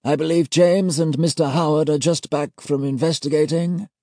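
A man's voice: a little high, fairly even intonation, normal speed, no echo, studio quality, pitched above the performer's own voice, close to an everyday voice. A man putting on a silky, courtly old auditor. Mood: politely menacing. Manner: courteous, formal, quietly menacing. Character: genteel older male senior auditor, menacingly polite.

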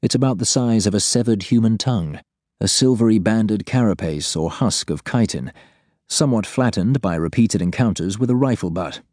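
A man's voice: lowish voice, moderate pace, darkish tone, no echo, clean studio sound. A man reading scripted fiction as an audiobook narrator.

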